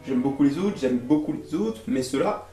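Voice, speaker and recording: This time the young man's pitch is medium and his tone dark, and he speaks animatedly at a moderate pace. As the YouTube host, he's doing a comic, casual rant to camera, theatrically exasperated and swearing in slang. The audio has a roomy echo with music beneath it.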